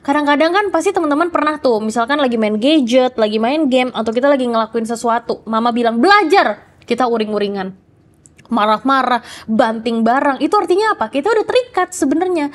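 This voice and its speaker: An adult woman hosting a kids' program, answering children's questions in a lively, coaxing way and often checking in with "oke?". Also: on the high side, fast. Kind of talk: casual talk to children.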